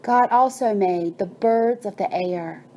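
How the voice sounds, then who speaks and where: This woman tells a bedtime story that doubles as a guided meditation, her mid-range voice warm in tone. She speaks in a calm, measured way, stretching her phrases out.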